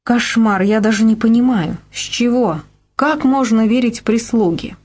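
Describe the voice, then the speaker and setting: A woman's voice: on the high side, measured pace, darkish tone, voice pushed up. A woman voicing a sad, wealthy middle-aged wife who sighs and laments her lost standing. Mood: plaintive. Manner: sighing, plaintive, lamenting.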